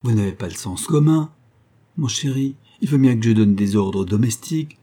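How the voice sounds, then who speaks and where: A man's voice: mid-range voice, lively intonation, moderate pace, mellow, close to an everyday voice. A man voicing a bossy, reproachful middle-aged housewife in a read-aloud story. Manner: nagging and reproachful.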